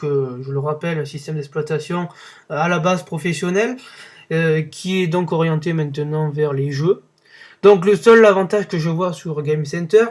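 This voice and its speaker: Hesitant young French tech podcaster. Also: male voice, a little high. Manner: hesitant, many fillers and restarts, unimpressed. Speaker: podcast host. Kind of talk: casual tech commentary podcast.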